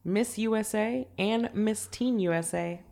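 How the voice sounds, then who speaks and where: A woman co-hosting a casual podcast, sick, with a deep raspy voice, chatty and trailing off into fillers. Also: a little slow, a little mellow. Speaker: podcast co-host.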